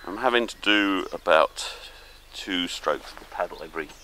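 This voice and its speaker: An older man chatting casually to camera from a small boat on a river, relaxed and thinking aloud. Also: sits low, moderate pace, slight background noise, rough recording. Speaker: solo small-boat voyager. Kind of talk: casual travel vlog commentary. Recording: outdoor birdsong and river ambience.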